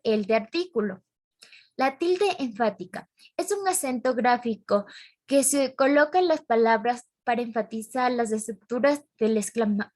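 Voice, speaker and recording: A young woman reading a class presentation aloud, going through examples slowly, word by word. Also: high-pitched. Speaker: student presenter.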